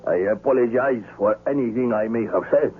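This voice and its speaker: Here an actor plays Messina, the husky, courteous underworld host, a suave and wary older man, in a 1970s radio drama heard through a muffled, tinny vintage recording. The male voice is medium in pitch and only lightly acted. His delivery stays formal and measured even as he comes across shocked and pleading.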